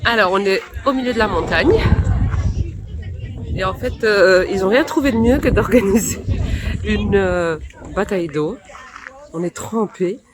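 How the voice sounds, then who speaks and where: A woman's voice: medium pitch, animated, moderate pace, long pauses, background noise. A young woman talking to her phone camera in a casual travel vlog, chatty and upbeat, recorded outdoors. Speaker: travel vlogger. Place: outdoors on a trip, at the airport, the hotel and on an excursion.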